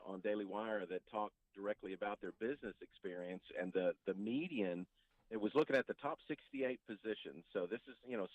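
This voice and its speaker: A man calling in to a radio talk show over a clipped phone line. He starts out halting, then talks steadily through numbers and examples. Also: fairly low pitch, dry recording. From North Alabama. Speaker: caller. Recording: tinny, dry phone line.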